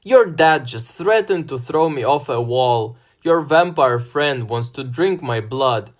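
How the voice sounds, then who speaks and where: A man's voice: medium pitch, slow pace, creaky. A man voicing a sarcastic teenage boy who turns panicky. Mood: panicked.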